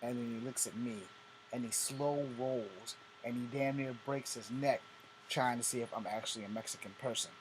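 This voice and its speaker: A man's voice: medium pitch, fairly even intonation, normal speed, rough recording. Fifty-something man from Virginia, blunt cursing vlogger, slight background hiss. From Virginia, USA. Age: 50s. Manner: blunt, profane, repetitive. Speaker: vlogger host. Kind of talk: casual ranting vlog.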